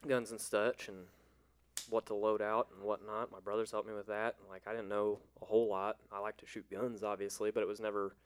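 A man's voice: fairly low pitch, little pitch movement, fast talker, hardly any pauses, smooth. A man co-hosting a casual podcast, easygoing and rambling. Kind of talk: casual chat.

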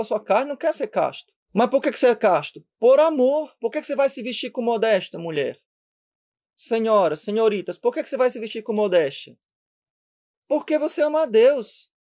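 Emphatic Brazilian priest preaching live. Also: male voice, high voice, mellow. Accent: Brazilian Portuguese. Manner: emphatic, full of rhetorical questions, speeds up and slows down for effect.

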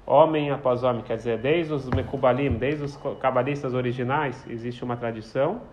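A Torah teacher leads a small group through a prayer text, explaining it, telling stories, and often repeating his phrases. His voice is medium-pitched and steady with a darkish tone, and he talks a little fast. The recording sounds slightly dull, with faint background noise.

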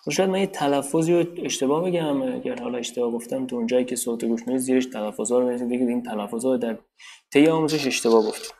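A man's voice: mid-range voice, steady tone, creaky, mellow. Casual male tutor, talks through lessons with restarts and repeats, plain mid voice, light noise behind. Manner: rambling, restarts and repeats while explaining. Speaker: programming teacher. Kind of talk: informal spoken tutorial.

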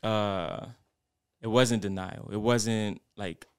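In casual podcast chat, a young co-host slowly relates a personal story, wandering and reflective, leaning on fillers. His smooth voice is fairly low with fairly even intonation, and the clean studio sound has no room noise.

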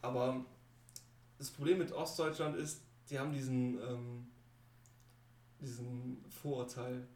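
A man's voice: medium pitch, little pitch movement, unhurried, long pauses, darkish tone. A young man co-hosting a podcast in casual, slangy chat, talking bluntly and laughing often. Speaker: podcast co-host. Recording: roomy, distant from the mic.

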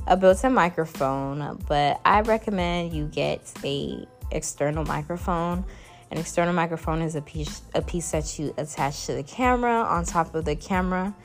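Speaking at a normal speed, a young woman with a Caribbean accent gives casual advice on her podcast. Her tone is fairly low and calming, though she's playful, often laughing and rising sharply in pitch when emphasizing something. Quiet music sits in the background.

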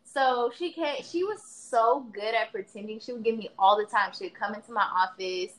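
A woman chatting casually about a former coworker, telling lively stories and acting out what was said. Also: on the high side, normal speed, rough recording. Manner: animated storyteller, acts out quotes. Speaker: former supervisor. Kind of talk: casual chat.

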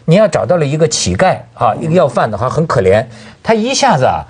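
A man's voice: on the high side, big pitch swings, fast, breathy edge. A man hosting a casual panel discussion, talking colloquially with exclamations and prompting questions. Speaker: talk show host.

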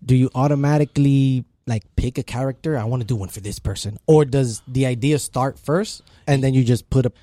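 A man hosting a casual podcast, asking loose, slangy, halting questions. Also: medium pitch, mellow, dry recording. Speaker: podcast host.

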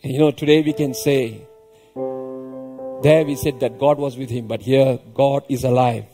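A pastor giving an animated sermon, repeating key phrases with emphatic rises and chuckling between points. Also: male voice, mid-range voice, normal speed, faint music behind. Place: church hall. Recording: long reverb in a large hall.

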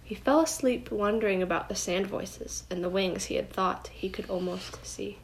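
A middle-aged woman reads a children's picture book aloud in a gentle, expressive way. Her voice sits at an ordinary middle pitch for a woman. The style is a relaxed family read-aloud. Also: moderate pace, slight background noise. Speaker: storybook reader.

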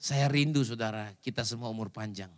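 A man preaching a lively, humorous sermon as pastor, joking with the congregation and mixing in English words. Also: lowish voice, brisk.

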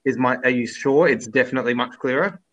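A man's voice: mid-range voice, fast talker, a bit bright. A man hosting a podcast, speaking through a laptop's speakers and mic so he sounds tinny, casually checking his sound. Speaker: podcast host.

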